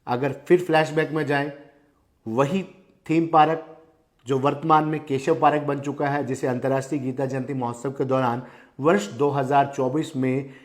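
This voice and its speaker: A man's voice: medium pitch, fairly even intonation, normal speed. A man delivering local news commentary with a mid-range voice. He talks emphatically, circling back to restate key phrases for stress.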